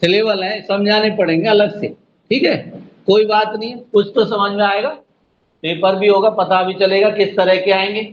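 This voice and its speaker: A man teaching an online exam-prep class, drawing words out slowly syllable by syllable and calling his students "beta", with an Indian English accent. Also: high-pitched, fairly even intonation. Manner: slow, drawn-out spelling of words, addresses students as "beta". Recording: dull lo-fi audio with faint noise.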